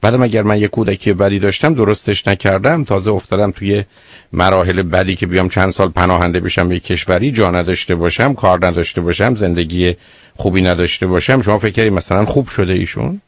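Very deep-voiced blunt radio advice host. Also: male voice, dry recording. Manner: blunt, lecturing, rises in pitch when exasperated. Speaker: radio call-in psychologist host. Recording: muffled radio broadcast, dry studio.

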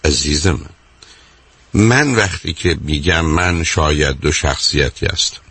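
Deep gravelly man giving insistent radio advice. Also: animated, fairly bright tone, dry recording. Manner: insistent, interrupts, repeats "my dear" and "wait". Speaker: radio call-in psychologist host.

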